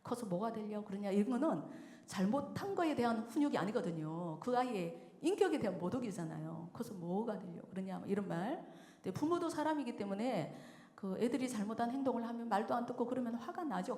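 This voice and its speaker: A woman's voice: fairly high pitch, fairly quick. A woman minister giving a sermon to a mothers' prayer meeting, telling stories and acting out the people in them, with frequent chuckles. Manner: lively storytelling, acting out quoted voices with frequent chuckles. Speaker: church minister preaching. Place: church sanctuary. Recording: echoey church hall with long reverb.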